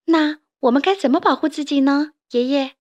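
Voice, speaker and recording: A woman voicing a small timid young male toad who cries out in a high, excited voice. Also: moderate pace, dry recording, highs cut off, natural voice. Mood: worried.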